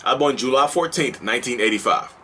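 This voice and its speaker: A man's voice: mid-range voice, lively intonation, fast, fairly bright tone, slight background noise. Passionate man in his thirties. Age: 30s. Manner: passionate, repetitive rhetorical questions, preacher-like build-ups. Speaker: host. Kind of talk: casual vlog monologue.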